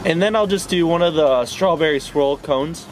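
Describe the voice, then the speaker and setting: A man's voice: a little high, normal speed, background noise. A man ordering food at a drive-through from his car, polite and raised up for the speaker box. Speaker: food vlogger.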